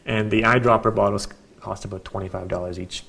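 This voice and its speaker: A man presenting a webinar as an informal hard-sell sales pitch, with chatty asides. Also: fairly even intonation, brisk, gravelly, pushed and bright. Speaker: webinar presenter selling a product.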